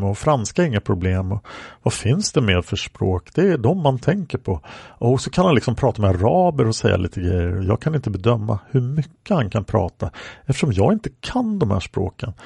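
A man's voice: mid-range voice, creaky, darkish tone, husky, no room sound, exaggerated voice. A man reading aloud a woman's answers in a police interrogation record, rambling with many fillers. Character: woman questioned by police, plain-spoken.

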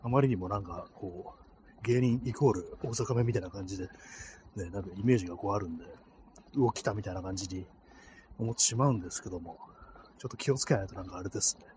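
Rambling low-voiced man on a night street. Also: fast, a little mellow, slight background noise. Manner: rambling, hesitant, many fillers. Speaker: podcast host. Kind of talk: casual solo talk while walking. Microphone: phone held in cold hands. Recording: faint street ambience outdoors.

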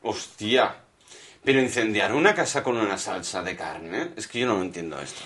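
A man's voice: on the low side, moderate pace, a bit bright. A man co-hosting a podcast, reading out odd news and questioning it in casual chat. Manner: reads headlines aloud, questioning, laughs easily. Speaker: podcast co-host.

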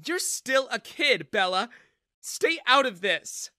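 A storybook narrator voicing a clingy, tearful middle-aged mother, pitched high above the narration. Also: animated, moderate pace, bright, forceful tone, no room sound, studio quality, exaggerated voice. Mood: stern. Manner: pleading, sobbing.

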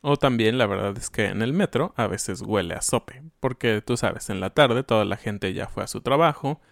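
A man with a Mexican accent who explains slang in a casual lesson, often agreeing with a quick "ujú". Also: fairly low pitch, gravelly, no room sound, clean studio sound. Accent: Mexican Spanish. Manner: affirming with frequent "ujú", explanatory. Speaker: Spanish teacher.

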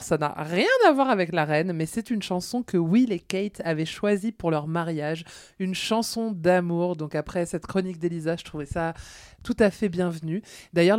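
A woman hosting a casual podcast, relaxed and wry as she prompts her guests. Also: on the low side, no room sound. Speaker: podcast host.

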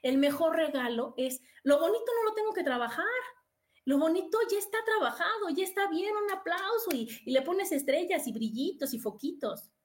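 A woman hosting a podcast, talking casually about self-acceptance in an expressive way, acting out little dialogues and repeating herself for emphasis. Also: very high voice, moderate pace. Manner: expressive, repetitive, acts out quoted dialogue. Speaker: podcast host. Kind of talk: casual self-help talk.

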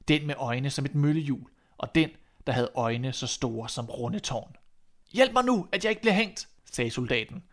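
A man reading a classic fairy tale aloud as narrator, in an expressive, measured storytelling manner. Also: mid-range voice.

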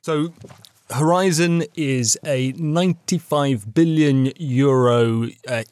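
A man on an editors' panel of a news podcast, explaining stories in a measured, fact-laden way. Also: a little high, a little mellow, clean tone, no room sound.

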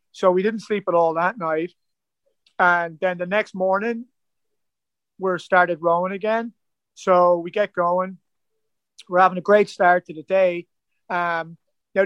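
A man's voice: sits high, fairly bright tone, smooth, no echo, highs cut off. An Irish man from Ireland, a guest rower telling his story in a casual interview, rambling with lots of "like" and "kinda". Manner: rambling, full of "like" and "kinda" fillers.

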